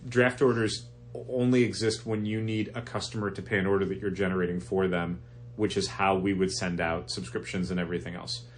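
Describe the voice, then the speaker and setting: A man's voice: sits low, level tone, brisk, slight background noise. A man co-hosting a comic shop podcast, explaining at length with restarts, his voice stuffy from allergies. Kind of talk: casual chat.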